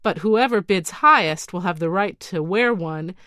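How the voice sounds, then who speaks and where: A pompous chief counselor of a fairy-tale court, as a woman reader acts him out, proclaiming in a loud, slowed delivery. His announcements ring out with official weight. The sound is close and dry. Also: lowish voice, dry recording.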